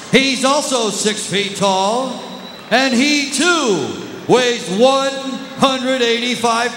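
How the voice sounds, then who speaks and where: A man working as a ring announcer, giving showy, drawn-out fight introductions like a lucha libre announcer, stretching names with bilingual flourishes. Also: very high-pitched, bright, forceful tone. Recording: echoey arena PA with background noise.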